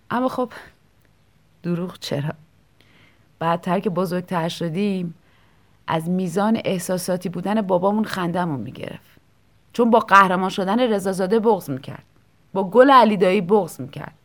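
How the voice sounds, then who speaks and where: A woman reading a short personal story aloud in a soft, tender, reflective way, sometimes sinking into a whisper. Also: mid-range voice. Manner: soft, intimate, drops into whispers. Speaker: story reader. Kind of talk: scripted storytelling narration.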